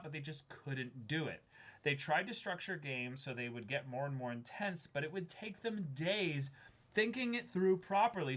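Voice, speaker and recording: Seated beside his co-host in a small indoor room, a young adult man on a reaction and unboxing show reads fan letters aloud, breaking off with enthusiastic, chatty reactions. His voice is on the high side with a fairly bright tone.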